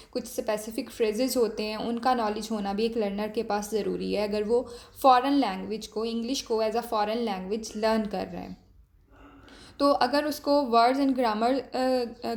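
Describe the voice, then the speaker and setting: A woman giving a classroom-style lecture. She explains steadily, pauses with filler sounds and drops English terms into her talk. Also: mid-range voice, darkish tone.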